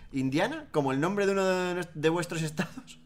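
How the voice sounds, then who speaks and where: High-voiced Spaniard playing a game. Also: male voice, sing-song, unhurried, a little hiss or hum. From Spain. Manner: joking, swearing, laughs often. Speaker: let's play host. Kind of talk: casual gameplay commentary.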